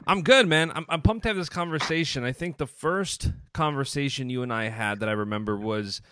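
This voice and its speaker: A man's voice: mid-range voice, fairly quick, bright, forceful tone, smooth, no room sound, studio quality. A man hosting a podcast in a conversational way. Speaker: podcast host.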